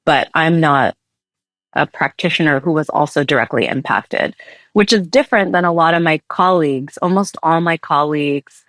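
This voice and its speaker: A woman raised in the United States, a human rights litigator answering interview questions in an earnest, measured way. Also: low-pitched, fairly bright tone, dry recording. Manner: earnest, measured, thoughtful with restarts.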